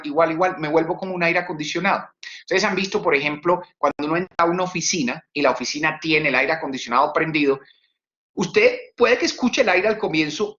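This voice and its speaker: The highs are cut off in this webinar recording of a man, a communication trainer, lecturing about communication. He talks in an animated way, moving his voice up and down to show tone and repeating words to stress them.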